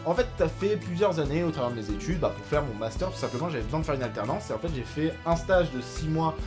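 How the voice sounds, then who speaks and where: Animated young man telling a story. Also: a little high, quick pace, over music. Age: 20s. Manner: animated and slangy, with frequent swearing. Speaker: vlogger. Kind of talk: casual storytelling to camera.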